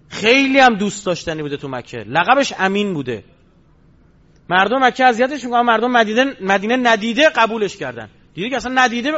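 A man's voice: sits high, fairly bright tone. A man giving a storytelling sermon, asking rhetorical questions and answering them himself. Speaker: religious lecturer. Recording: dull lo-fi recording.

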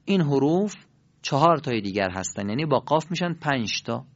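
A man teaching Quran recitation in a recorded lesson, demonstrating sounds slowly and asking learners to repeat after him. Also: mid-range voice, big pitch swings. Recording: dull lo-fi recording.

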